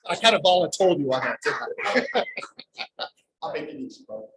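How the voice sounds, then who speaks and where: Hosting a speaking club meeting as table topics master, a man speaks on the high side, very animated and at a moderate pace, against a noisy background. He's casual and encouraging, nudging members to tell short stories and repeating words as he goes.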